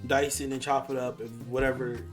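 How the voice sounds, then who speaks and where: At a medium pitch and a level tone, this twenty-something host of an online live voice chat talks a little fast while faint music plays behind him. His casual, argumentative style is full of slang and cursing.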